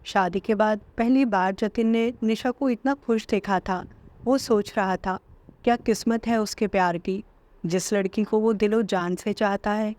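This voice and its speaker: A woman reading a family story aloud as a storyteller, steady and expressive. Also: medium pitch, dry recording. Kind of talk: scripted narration.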